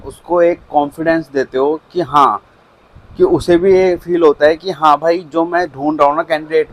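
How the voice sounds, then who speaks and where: A man's voice: a little high, poor audio. Man giving friendly career coaching. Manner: coaching, often checks in with the listener. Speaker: career advice vlogger. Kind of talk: casual instructional talk.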